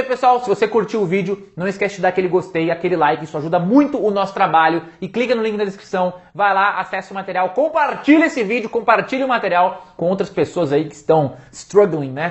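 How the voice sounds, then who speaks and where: A man with a Brazilian Portuguese accent giving a casual, energetic online English lesson, playful and full of hype. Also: sits high. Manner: energetic, playful, hypes his materials. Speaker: English teacher. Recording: slightly dull lo-fi sound.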